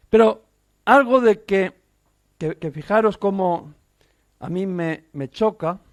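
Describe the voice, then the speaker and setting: A man's voice: sits high, no room sound. A man from Spain, a pastor, preaching a sermon in an earnest, emphatic way, full of rhetorical questions. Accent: Peninsular Spanish.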